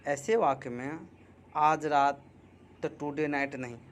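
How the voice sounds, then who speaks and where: A male teacher giving an English grammar lesson, dictating example sentences slowly and deliberately. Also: fairly high pitch, fairly even intonation, a little hiss or hum. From India.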